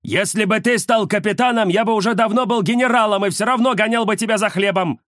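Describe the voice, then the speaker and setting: Storybook grandpa over 60, shouting and nagging from afar, voiced by a man. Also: high voice, fast, dry recording, studio quality, pitched above the performer's own voice.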